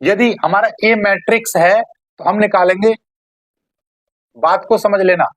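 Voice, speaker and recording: A woman teaching math in a classroom style, asking questions and answering them herself, often checking whether listeners follow, and stretching out key terms slowly. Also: mid-range voice, no echo, low-quality recording.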